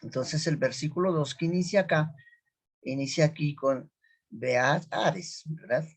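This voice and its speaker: A man teaching a scripture lesson, sounding out Hebrew words slowly and repeating them as he explains. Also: on the high side. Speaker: Bible teacher.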